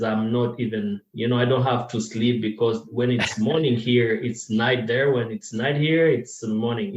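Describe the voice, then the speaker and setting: A man from the DR Congo, a podcast guest talking animatedly with fillers over a video call. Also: lowish voice. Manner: animated, repeats words and pauses with fillers. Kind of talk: casual interview talk. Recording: roomy, dull video-call audio.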